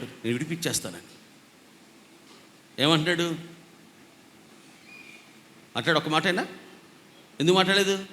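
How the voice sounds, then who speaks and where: Bright high-voiced preaching man in a reverberant hall. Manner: storytelling preacher acting out quarrels, breaking into sung lines. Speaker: pastor. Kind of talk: sermon.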